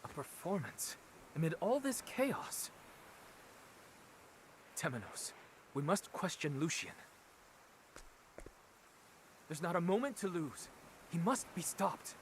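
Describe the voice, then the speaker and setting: An earnest holy knight, lively pitch. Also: male voice, unhurried, long pauses, slight background noise. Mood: urgent, indignant. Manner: formal, dramatic, earnest. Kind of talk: scripted video game voice acting.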